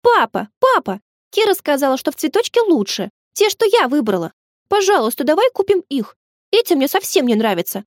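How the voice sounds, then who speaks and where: A stubborn, candid little girl, voiced by a woman reading a storybook, pleads and sulks in a raised, high voice. The sound is close and dry, with no room around it. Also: animated, a little fast, a little mellow, no room sound. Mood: pleading. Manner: pleading, sulky.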